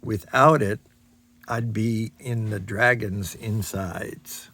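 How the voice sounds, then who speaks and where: A man's voice: lowish voice, steady tone, takes it slowly, bright, forceful tone, heavily acted. Grandpa doing a cheerful storybook witch. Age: older. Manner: sing-song rhyming read-aloud. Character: grateful cheerful female witch.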